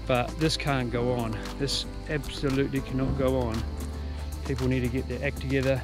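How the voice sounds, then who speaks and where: A man's voice: medium pitch, flat delivery, moderate pace, music in the background, poor audio. A man, narrating a sailing vlog in an earnest, plain-spoken way and often restarting his sentences. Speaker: sailing vlogger.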